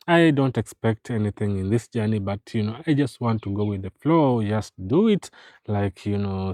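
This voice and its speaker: A Kenyan man in his twenties talking to the camera in a casual vlog, recorded on a phone, earnest and filling every pause with "you know". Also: lowish voice, a little mellow, no room sound. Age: 20s. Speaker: vlogger.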